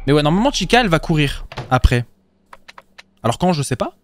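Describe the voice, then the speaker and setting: Excitable man yelping through a horror game. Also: on the high side, fairly quick, faint music behind. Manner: excitable, swears, laughs, yelps in fright. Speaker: gaming video host. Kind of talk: horror game let's play commentary.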